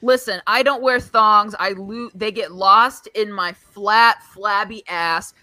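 A woman's voice: medium pitch, takes it slowly, sharp tone, no room sound, low-quality recording. A woman in her thirties hosting a crude comedy podcast, bawdy and self-mocking, giggling often. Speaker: podcast host.

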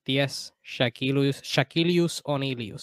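A man co-hosts a casual sports podcast, firing off points in animated, quick bursts and fixing his own slips mid-sentence. His mid-pitched voice sits close to the mic, dry and free of room sound. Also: no room sound. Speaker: podcast co-host.

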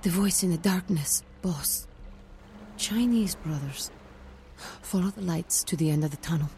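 An actress playing a cryptic, troubled seer in a video game, speaking halting, eerie prophecies in riddles. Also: female voice, lowish voice, dark tone. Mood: cryptic, ominous. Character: cryptic, troubled young female seer telling dark fortunes. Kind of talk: dramatic video game acting. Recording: noisy, with background ambience.

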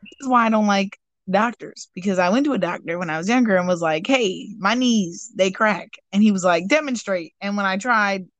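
A woman's voice: mid-range voice, quick pace, no room sound. A young woman co-hosting a casual chat, joking and laughing often. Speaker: podcast co-host.

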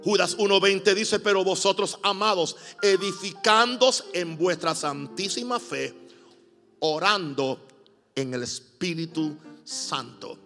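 A man from Puerto Rico with a Puerto Rican accent, preaching a sermon in a church with emphatic loud bursts and joking asides. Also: high-pitched, slow. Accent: Puerto Rican Spanish. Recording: long hall reverb, faint music.

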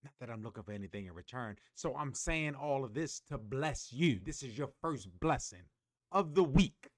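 A man's voice: mid-range voice, lively intonation, moderate pace, no room sound, clean studio sound. A man hosting a motivational podcast, preaching emphatically and calling on listeners to repeat after him. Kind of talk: motivational monologue.

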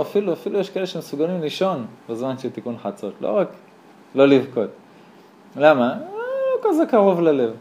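Man, rabbi giving a lively class, mellow tone, very expressive rise and fall, rhetorical questions, small audience in the room. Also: a little high, slight background noise. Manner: animated storyteller who acts out dialogue; asks his listeners rhetorical questions. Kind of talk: lively Torah lesson with stories.

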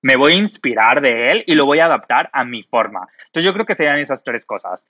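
Male image consultant, podcast host, bright forward tone, lo-fi dry recording. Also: mid-range voice, a little fast, no echo. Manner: expressive, uses many fillers like "o sea". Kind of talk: casual podcast chat.

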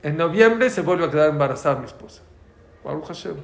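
A man's voice: on the high side, animated, fairly quick, creaky. Man teaching a class in an echoey room. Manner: storytelling, asks the class questions, Hebrew terms. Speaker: religious teacher. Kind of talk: storytelling class lecture.

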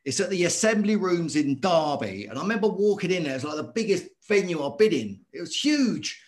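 A middle-aged man, a former boxer telling his story as a guest in earnest, animated talk that circles back on itself. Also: sits high, a little fast. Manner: earnest, animated, repeats himself. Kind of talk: conversational storytelling.

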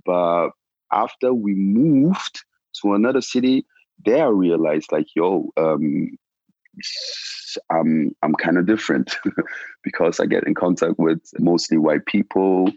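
Low-voiced Ghanaian-born man, slangy and relaxed. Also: slow pace, no room sound, muffled recording. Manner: relaxed, slangy, many "like" and "yo" fillers. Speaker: protest organizer. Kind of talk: casual interview answers.

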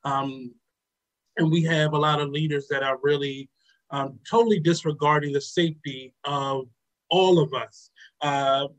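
A man hosting a talk radio show, speaking in a casual, reflective way with many pauses and fillers. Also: a little high, fairly even intonation, low-quality recording. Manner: hesitant, many ums and uhs.

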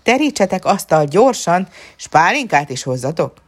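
A haughty, greedy lord from a storybook folk tale, voiced by a woman. His low voice coaxes and flatters in lively swoops, all greed under the politeness. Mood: wheedling. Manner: wheedling and greedy. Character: greedy, proud male lord, fawning then furious.

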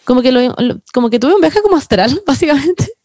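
Fast-talking young Chilean woman. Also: high voice, animated, a little mellow, dry recording, clean studio sound. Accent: Chilean Spanish. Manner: rapid storytelling, slangy, mixes in English. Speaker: podcast host. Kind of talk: casual chat.

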